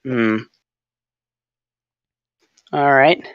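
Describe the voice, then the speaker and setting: Male tabletop player, medium pitch, hesitant casual talk, dry, slightly dull microphone. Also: steady tone, extremely slow, clean tone, no room sound.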